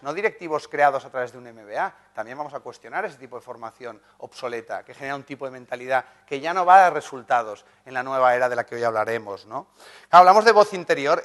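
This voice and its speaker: A man giving a motivational conference talk, animated and anecdotal, joking with the audience. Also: on the high side. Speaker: conference speaker, journalist and writer. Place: conference hall.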